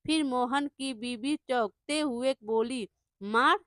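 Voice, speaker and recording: A woman narrating a folk tale in a measured storytelling manner. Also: high voice, bright, forceful tone, dry recording, clean studio sound.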